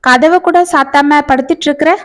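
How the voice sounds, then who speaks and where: Woman doing a gentle, reassuring middle-aged man. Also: sits high, brisk, close to an everyday voice. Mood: concerned. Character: kind, steady middle-aged male neighbour.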